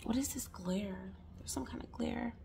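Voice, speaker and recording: Reaction host, woman, sore throat, creaky, soft and whispery late-night delivery. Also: fairly high pitch, moderate pace, a little hiss or hum. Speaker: reaction vlogger.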